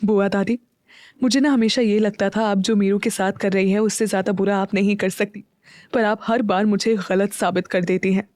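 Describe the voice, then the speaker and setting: A man's voice: high-pitched, steady tone, moderate pace, no echo, studio quality, close to an everyday voice. Woman voicing a tender protective older brother. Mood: stern. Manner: gentle and tender, turning firm. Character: young man, protective loving older brother.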